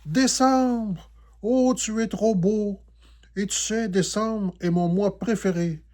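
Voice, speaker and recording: A man's voice: high-pitched, slow, a little mellow, pitched above the performer's own voice. A man voicing a jolly, once-timid old Santa Claus in a children's story, with hearty exclamations. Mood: delighted.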